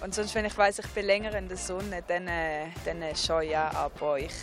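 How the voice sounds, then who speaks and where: A woman answers a street interviewer, hesitant and full of fillers. Music is clearly audible behind her. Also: fairly low pitch, flat delivery, moderate pace. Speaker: passer-by.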